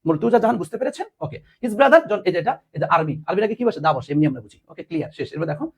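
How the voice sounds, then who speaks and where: A man's voice: high-pitched, quick pace, breathy edge. A man teaching a live online class, repeating words and quizzing students. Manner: animated, repeats words, asks students questions.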